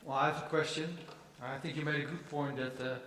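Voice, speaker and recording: A man's voice: a little high, fairly even intonation, fairly quick, a bit bright, a little hiss or hum. Male session chair, polite and brief, echoey lecture hall. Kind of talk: moderating a conference Q&A.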